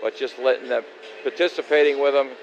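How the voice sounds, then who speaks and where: A man's voice: mid-range voice, fairly even intonation, brisk. A man in his sixties giving casual, modest, plain-spoken interview answers as a guest. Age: 60s. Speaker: former college hockey player, interview guest. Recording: dull lo-fi broadcast, faint noise.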